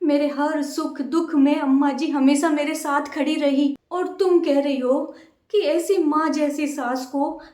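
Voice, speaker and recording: A woman's voice: high voice, fairly even intonation, a little slow, a little mellow, roomy sound, soft background music. Woman playing a patient, caring mother-in-law. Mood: earnest. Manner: earnest, reasoning.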